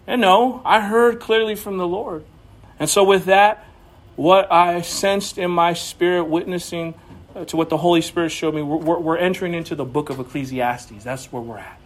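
A man's voice: sits high, normal speed. A man preaching a sermon as pastor, telling a personal story in an earnest way with frequent restarts.

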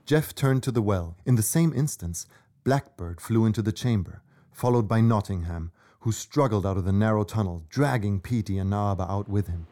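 A man's voice: fairly low pitch, normal speed, dark tone. A man narrating a scripted children's story as the storyteller.

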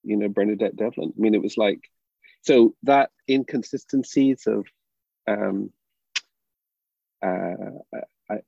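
Older Northern Irish man, gravelly voice. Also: lowish voice, warm tone, no echo, muffled recording. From Northern Ireland. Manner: thoughtful, halting, many restarts and fillers. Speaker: drama educator guest. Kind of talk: reflective interview talk.

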